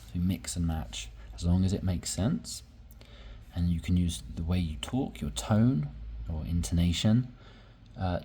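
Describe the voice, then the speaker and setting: A man teaching English, slowly explaining sentence patterns and repeating examples with patience. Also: low-pitched, dark tone, breathy edge. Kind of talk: slow explanatory lesson.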